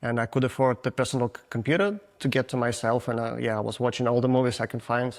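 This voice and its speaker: Russian-accented man in his forties. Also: mid-range voice. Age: 40s. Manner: frank, halting non-native English with restarts. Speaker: guest photographer. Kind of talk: casual interview answers.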